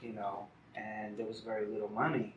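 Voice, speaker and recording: A man's voice: fairly low pitch, level tone, normal speed, dull audio, slight background noise. A middle-aged man from Puerto Rico tells his story in an easy, reflective way, as a guest on an interview show. He speaks outdoors in the city. The sound is roomy, with faint ambience behind him. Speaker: salsa singer, guest. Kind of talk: casual interview.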